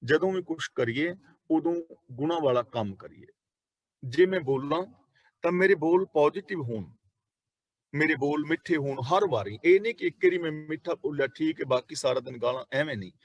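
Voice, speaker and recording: A man with a Punjabi accent teaches a Sikh scripture passage line by line, in a slightly high voice. He draws out each quoted verse slowly and then explains it plainly. The recording is close and dry. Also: animated, no echo.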